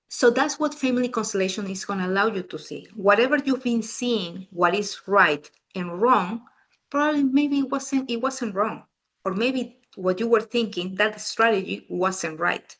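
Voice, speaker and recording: A chatty woman from Peru, whose first language is Spanish, talks casually to a small group as a family constellations facilitator. Her medium-pitched, fairly bright voice carries a Peruvian Spanish accent, and she often restarts her sentences.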